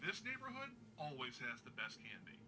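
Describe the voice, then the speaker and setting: A man's voice: medium pitch, wildly swooping pitch, a little fast. A man voicing a friendly, playfully spooky Halloween pumpkin toy in a round, hollow pumpkin voice with a sing-song manner. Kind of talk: animated Halloween toy character. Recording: noisy, distant toy speaker playback.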